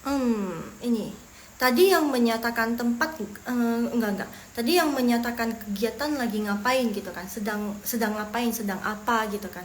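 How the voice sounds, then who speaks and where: A woman teaching beginner Mandarin in a casual, chatty online lesson, repeating phrases slowly and explaining as she goes. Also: fairly high pitch. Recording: echoey room with faint noise.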